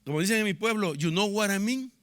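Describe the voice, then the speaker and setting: A man preaching a sermon as pastor, with sharp emphasis, pushing his voice up and dropping it low for effect, and getting the congregation to repeat words after him. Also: expressive, a little fast.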